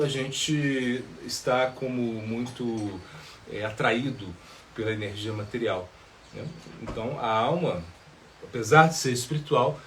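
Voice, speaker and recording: A man, a monk, answering questions in a live spiritual talk, pausing often with filler sounds and tag questions. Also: medium pitch, a little hiss or hum.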